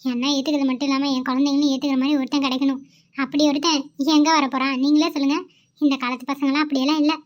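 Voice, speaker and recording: A young woman does cartoon voice acting for a caring, polite young woman who looks after children and soothes others. Her natural voice sits high with a level tone, she speaks at a racing pace, and the mood is gentle.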